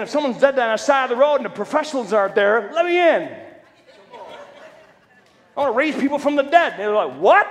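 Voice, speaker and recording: A middle-aged man preaches a testimony sermon in a high, ringing voice, often shouting and joking with the crowd. His words trail off in the long reverb of a big church hall. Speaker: preacher and fire department chaplain.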